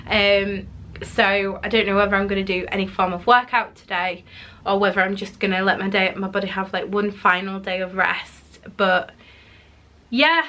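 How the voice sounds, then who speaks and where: A faint hiss or hum sits under this woman's mid-range, steady, sharp-toned voice, delivered at a moderate pace. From a home office, she rambles casually through her weekly weigh-in vlog, slightly nasal while recovering from illness, full of ums and restarts.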